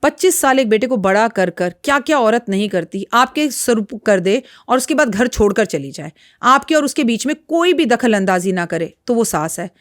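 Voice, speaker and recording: A woman's voice: on the high side, lively intonation, moderate pace, no echo, studio quality. A woman astrologer speaking as a podcast guest, frank and lecturing in a blunt, outspoken way. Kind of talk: podcast interview talk.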